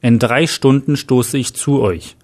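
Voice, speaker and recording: A man's voice: mid-range voice, a little slow, a little mellow, natural voice. A man voicing a grieving male team leader, shaken but determined, who speaks urgently with emotional outbursts.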